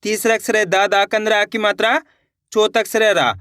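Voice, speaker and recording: Male tutor, unhurried syllable-by-syllable drill, crisp voice, dry close sound. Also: sits high, fairly even intonation, fairly bright tone, no room sound. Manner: spells words slowly syllable by syllable, then repeats; addresses viewers as friends, patient and encouraging. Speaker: Hindi reading teacher. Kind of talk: online reading lesson.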